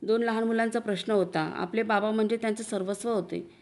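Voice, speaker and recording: A woman reading a first-person story aloud, earnest and reflective. Her delivery stays measured and sincere, at an ordinary pitch for a woman. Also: fairly even intonation, a little mellow. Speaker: narrator.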